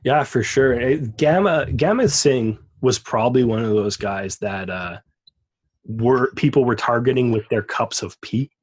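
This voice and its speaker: A man's voice: medium pitch, a little slow, husky. A man co-hosting a podcast, chatting casually and enthusiastically about wrestling. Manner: enthusiastic, rambling with restarts. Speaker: podcast co-host.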